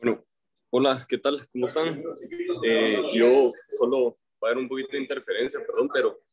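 A man's voice: mid-range voice, fairly even intonation, moderate pace, darkish tone, rough recording. A man in his twenties from Guatemala, chatting in a friendly, hesitant way with lots of fillers on a video call. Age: 20s. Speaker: youth group member, architect. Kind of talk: casual sharing on a video call.

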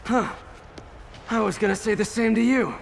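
A man's voice: sits high, moderate pace, vocal fry, slight background noise. A man playing a young, cocky superhero in a video game, teasing and sarcastic as he quips. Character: young male wisecracking superhero, cocky and playful. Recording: loud game music behind. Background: loud dramatic music.

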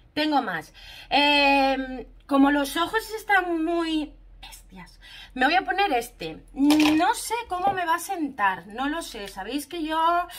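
A woman from Spain with a Spanish accent, chatting excitedly to her viewers while she tries makeup on at home in front of a camera set in a ring light. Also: high voice, background noise. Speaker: beauty vlogger. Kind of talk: casual makeup review vlog. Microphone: camera mounted in a ring light, a bit back.

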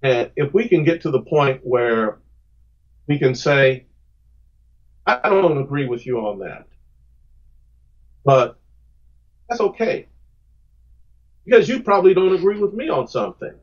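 A man with a fairly high voice talks earnestly on a podcast. He wanders through long thoughts and restarts his sentences. The audio is muffled and lo-fi. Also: big pitch swings, a little slow, long pauses. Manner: earnest, reflective, rambling with restarts. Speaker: podcast guest, comic creator. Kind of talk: casual podcast conversation.

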